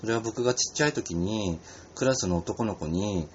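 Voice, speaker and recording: A man's voice: lowish voice, normal speed. A man hosting a casual radio talk, rambling through stories with lots of fillers and small stumbles. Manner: animated, rambling storyteller with frequent fillers and stumbles. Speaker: podcast host. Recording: slightly dull audio with faint ambient noise.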